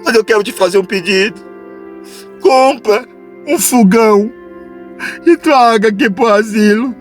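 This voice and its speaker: A man's voice: high-pitched, unhurried, faint music behind. A man voicing a dying elderly mother in a nursing home who pleads with her son, repeating "my son" again and again. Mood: tearful pleading. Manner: pleading, repeats "meu filho".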